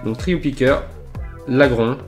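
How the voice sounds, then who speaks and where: A man's voice: medium pitch, slow, soft background music. A man in a casual collector vlog, filmed indoors under lamps with a desk mic, showing flea-market finds enthusiastically with lots of fillers. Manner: enthusiastic, many fillers and "voilà". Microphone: desk microphone near camera.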